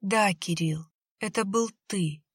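Woman putting on a dying young woman, weak half whisper, accusing, husky, dry sound. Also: medium pitch, slow, no echo. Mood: pitying.

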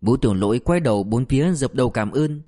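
A man reads a novel aloud as an audiobook narrator. His delivery stays steady and even, at a middle pitch. The reading is plain and scripted. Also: fast talker.

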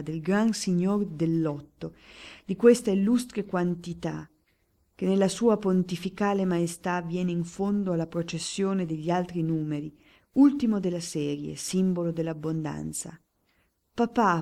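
Give me a woman narrating an audiobook with a low, mellow voice. She reads in a measured, expressive way, and her tone stays warm and unhurried from one passage to the next.

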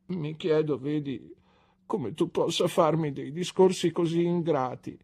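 Woman reader does a childish tearful young wife, pitched high, husky, plaintive. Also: normal speed, dark tone. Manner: pleading, plaintive and breathless.

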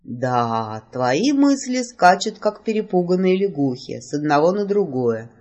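A woman reading aloud and voicing a teasing, calm young male mage in a slow, lowered voice.

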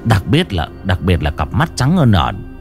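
Dramatic low-voiced ghost story narrator. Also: male voice, wildly swooping pitch, unhurried, faint music behind. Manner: dramatic, rising and falling delivery.

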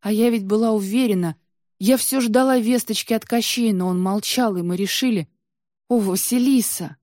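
Emotional storybook archivist woman, read by a woman narrator, mellow dark tone, dry close sound. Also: mid-range voice, normal speed, no echo, voice pushed up, lightly acted. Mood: tearful joy.

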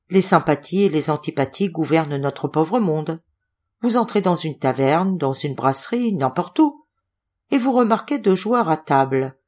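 An eccentric old doctor from an audiobook, cryptic and intense, his lines swooping up and down with theatrical emphasis, as a woman reader puts him on. The voice sits low and lively in tone. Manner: animated, theatrical declaiming.

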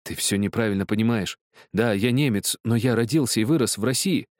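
A man voicing a weary, gentle grown man in an audiobook, with quiet, subdued replies. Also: lowish voice, a little fast, dry recording, studio quality, voice pushed up, lightly acted. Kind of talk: audiobook character voice.

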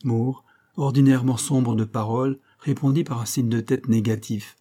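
Un homme lisant un roman classique en narration posée et régulière. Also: male voice, medium pitch, steady tone, moderate pace, mellow. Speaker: audiobook reader. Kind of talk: scripted narration of a classic novel.

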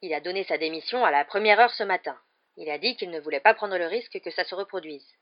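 Reader putting on a big loud gamekeeper guy, excitable, soft-hearted, slightly muffled sound. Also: mid-range voice, fast, lightly acted. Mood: confiding. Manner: excitable, loud, bursting with news. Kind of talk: audiobook character voice. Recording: slightly dull lo-fi recording.

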